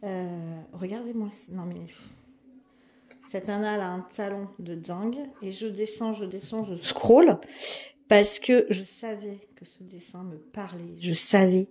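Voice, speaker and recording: A woman's voice: medium pitch, steady tone, a little slow, mellow. A woman chatting casually and eagerly while she unboxes a craft kit, with many fillers and restarts. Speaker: diamond painting vlogger.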